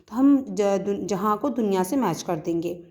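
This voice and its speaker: A woman's voice: medium pitch, expressive, darkish tone. A woman school teacher from Pakistan giving a recorded lesson to children, patiently explaining word meanings with fillers and restarts. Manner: patient explaining with frequent fillers and restarts, recites poetry in a measured lilt.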